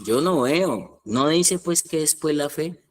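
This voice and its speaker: A man's voice: on the high side, lively intonation, slow. A man preaching a colloquial, emphatic sermon as head of a rehab foundation, hammering points through repetition.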